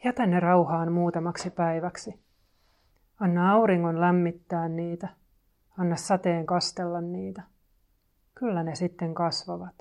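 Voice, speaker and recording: A woman voicing a calm, patient frog in a storybook, gently giving advice. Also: fairly low pitch, close to an everyday voice. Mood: advising. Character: calm wise frog or toad, patient gardener.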